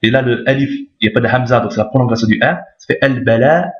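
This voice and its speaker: A man's voice: mid-range voice, quick pace. A man teaching a recorded lesson in a patient, repetitive way, often checking that his listeners follow. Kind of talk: recorded Arabic alphabet lesson. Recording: roomy, dull lo-fi sound.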